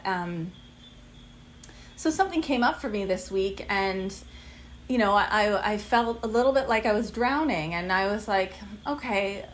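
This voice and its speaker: A woman's voice: medium pitch, a little hiss or hum, low-quality recording. A woman in her forties, a coach giving a casual masterclass, chatty and full of fillers. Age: 40s.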